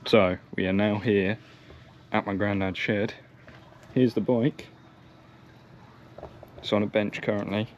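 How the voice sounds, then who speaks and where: A young man with a fairly low, fairly even voice narrates his bike work slowly, pausing often, in a casual, plain, vlogger manner. He moves between a car, sheds and a yard, and the recording has its highs cut off.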